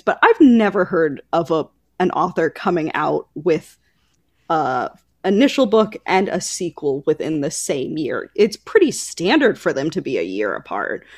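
This podcast host has a low-leaning, somewhat mellow voice. She keeps the book talk relaxed and chatty, drifting into plenty of informal asides.

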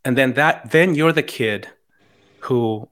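Speaking slowly in a medium, fairly bright voice, a middle-aged man from Chile talks earnestly as a guest on a podcast. His Chilean accent comes through in this casual conversation, and he frequently restarts sentences.

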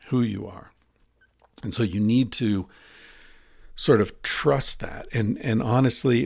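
A man's voice: fairly low pitch, vocal fry, husky, no echo, clean studio sound. A man talking frankly and earnestly in a casual critique of a book, now and then swearing. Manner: frank, earnest, profane at times.

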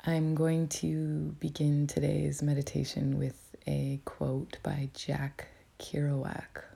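A woman with a cold and a nasal voice, softly half-whispering as she guides a meditation in a small cabin. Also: low-pitched, completely flat delivery, slow, vocal fry, slightly rough. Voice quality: soft, half-whispered delivery. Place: writer's cabin with a crackling fire.

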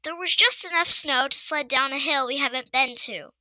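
A woman's voice: high voice, moderate pace, pushed and bright, no room sound, rough recording. A woman with a New York accent hosting a casual podcast, giving a chatty, upbeat family update with playful asides. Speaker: podcast host.

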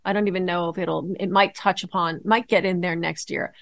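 A woman co-hosting a casual podcast, talking astrology and politics in an excitable, rambling way with many restarts. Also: on the low side, fairly quick, vocal fry, dry recording.

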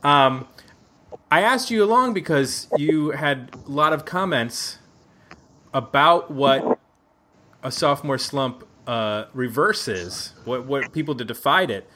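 Slow but animated, this medium-pitched male voice sounds bright and forceful, with slight background noise. The speaker is a Buffalo, US podcast host running a laid-back music round table from a neighbor's house, joking around and frequently correcting himself.

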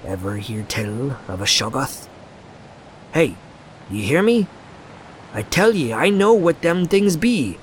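A man's voice: medium pitch, very animated, slow, long pauses, slight background noise. A man voicing a crazed, terrified old harbor drunk in a storybook reading, ranting in a rustic old dialect. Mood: conspiratorial. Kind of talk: audiobook character voice.

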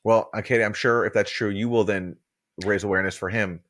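Low-voiced ironic man podcast host. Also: fairly even intonation, fairly quick, fairly bright tone, dry recording, studio quality. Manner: mock-solemn, ironic banter. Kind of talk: casual podcast chat.

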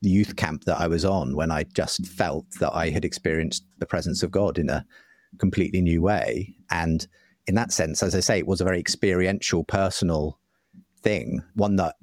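A British writer and broadcaster, appearing as a guest, answers interview questions thoughtfully and articulately in a conversational way, often hedging. His low voice moves at a moderate pace, recorded in a clean studio with no room sound.

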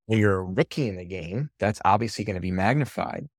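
A man, a podcast guest and sales coach, telling stories from his career in a lively, casual way and swearing now and then. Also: on the low side, fairly quick, no echo, clean studio sound. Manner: animated storyteller, swears casually. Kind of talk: casual interview storytelling.

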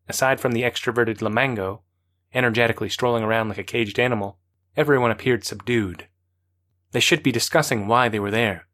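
Measured male audiobook narrator. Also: on the low side, a bit bright. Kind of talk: scripted narration.

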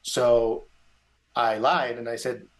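Animated man telling a personal story. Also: slow. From Mexico. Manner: animated, rising pitch on emphasis, self-correcting restarts. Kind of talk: conversational storytelling.

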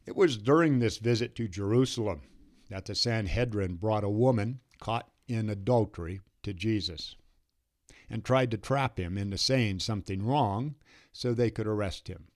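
A man reading a religious story aloud as the narrator, in a slow, measured way. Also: fairly low pitch. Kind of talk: scripted scripture narration.

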